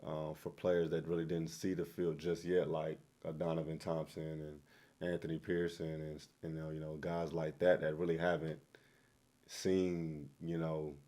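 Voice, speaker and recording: A young man speaks in a deep, low-pitched voice, relaxed and conversational. He tells stories with plenty of fillers, like a former quarterback looking back in a casual interview. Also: moderate pace. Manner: relaxed storytelling with fillers and laughs.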